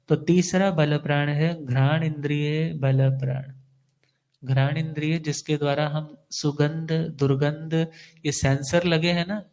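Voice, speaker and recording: A man's voice: fairly high pitch, darkish tone. A man, a monk, giving a devotional discourse in a teacherly way, posing questions and answering them himself. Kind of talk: devotional sermon.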